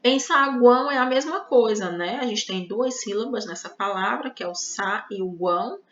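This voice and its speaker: A woman's voice: fairly high pitch, moderate pace, fairly bright tone, a little hiss or hum. A woman teaching a grammar lesson, explaining step by step and checking in with her students. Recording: slightly dull, lo-fi audio.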